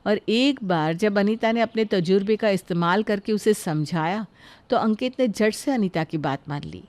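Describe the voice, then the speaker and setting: A woman narrating a moral story in a steady, scripted storytelling manner. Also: medium pitch, normal speed, dry recording.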